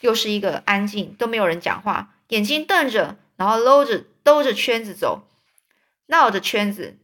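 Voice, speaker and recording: A woman's voice: medium pitch, very animated, moderate pace, fairly bright tone. A woman retelling a children's story in a loose, casual way, with fillers and repeats.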